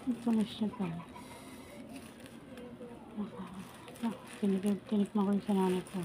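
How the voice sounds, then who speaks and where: A woman's voice: mid-range voice, level tone, a little slow. A Filipino woman with the speech of someone missing upper front teeth, chatting casually to viewers in a food vlog. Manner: informal, chatty, talking to viewers while preparing and eating food. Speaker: vlogger. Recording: noisy home recording with roosters crowing. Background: background noise, chickens and roosters.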